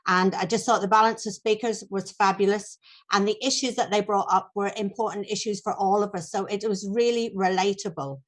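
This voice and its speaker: A woman, a union branch secretary, speaking up at an online event over a video call in a thoughtful, halting way. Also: medium pitch, fairly even intonation. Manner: thoughtful, peppered with "you know" and restarts. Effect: heard over a video call.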